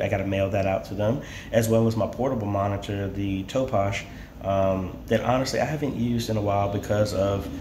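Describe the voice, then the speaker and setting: Guy doing a casual vlog, lowish voice, echoey, faint noise behind. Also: dark tone. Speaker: vlogger who installs church streaming gear. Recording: roomy echo, faint background noise.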